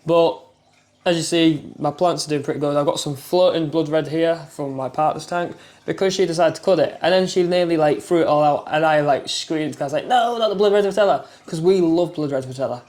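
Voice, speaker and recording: A man, hosting a casual aquarium vlog at home, chatty and quick to laugh at himself. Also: a little high, fairly even intonation, darkish tone. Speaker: aquarium hobby vlogger. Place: indoors at home by his fish tanks. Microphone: clip-on mic, then phone mic.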